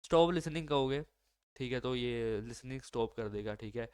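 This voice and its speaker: Nursing a sore throat, the host of a coding tutorial narrates his screen-recorded code walkthrough at normal speed, casual and full of fillers and self-corrections as he thinks aloud. His voice is mid-range and smooth.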